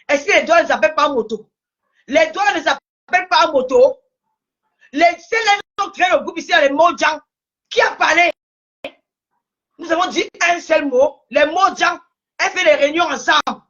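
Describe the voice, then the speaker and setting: A woman's voice: very high-pitched, bright, forceful tone, dull audio. A woman with a Cameroonian French accent in a heated, scolding social media rant, repeating herself, her voice cracking at times. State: angry.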